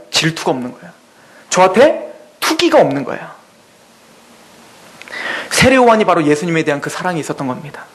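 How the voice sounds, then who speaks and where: A man preaching a sermon in a church, telling a story with lively quoted voices. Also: very high voice. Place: church sanctuary.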